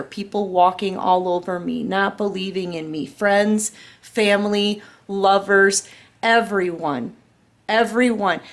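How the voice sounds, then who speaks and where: A woman in her fifties giving a tarot reading to her viewers, earnest and personal, often checking in with "okay?" and "right?". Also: mid-range voice. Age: 50s. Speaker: tarot reader. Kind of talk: casual spiritual reading to camera.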